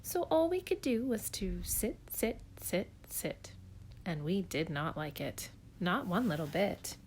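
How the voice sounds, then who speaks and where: A woman's voice: on the low side, a little slow, a little hiss or hum. Teacher lady reading a kids book at home, bouncy sing-song voice. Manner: expressive, sing-song storytelling. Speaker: preschool teacher. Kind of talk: reading a picture book aloud.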